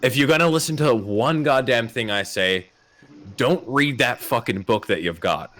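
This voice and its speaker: A man's voice: medium pitch, expressive, moderate pace, fairly bright tone, voice pushed up, natural voice. A man voicing a cryptic male stranger obsessed with fate, preachy and warning, swearing. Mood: urgent.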